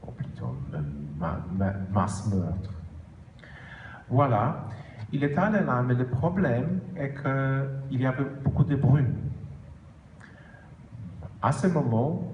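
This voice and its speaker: Slow, halting man with foreign-accented French. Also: medium pitch, darkish tone. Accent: foreign, non-native French. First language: not French. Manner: halting, with self-corrections and emphatic stresses. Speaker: author presenting own book. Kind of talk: prepared explanatory presentation. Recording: roomy echo with faint background noise.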